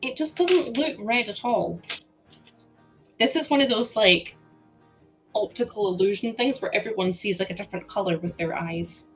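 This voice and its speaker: Sorting building parts on a live stream, a Scottish woman chats casually and giggles often as she replies to her chat. Her voice is medium-pitched at a moderate pace, with soft music playing in the background.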